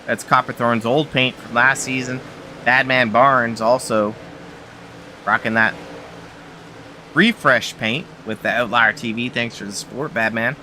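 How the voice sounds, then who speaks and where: A Canadian man calling an online truck race as lead commentator, relaxed and chatty. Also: mid-range voice, unhurried, long pauses, a little hiss or hum. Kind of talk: sim racing commentary.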